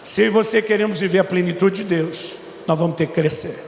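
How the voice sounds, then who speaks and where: In a large, echoey church hall, a male pastor with a high, gravelly voice preaches at a brisk pace, acting out dialogue by voicing quotes from himself and his son. The reverberant recording carries a slight hiss or hum.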